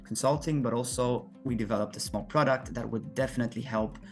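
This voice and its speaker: A man's voice: mid-range voice, a little fast, faint music behind. A man from Romania, answering interview questions in an earnest, explanatory way with frequent restarts. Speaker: guest, solar company founder.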